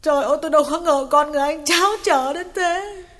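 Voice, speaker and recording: A woman voicing a young secretary and mistress who lashes out in shrill, scolding outbursts and tearful complaints. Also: quick pace, fairly bright tone. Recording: reverberant reading with guitar music behind.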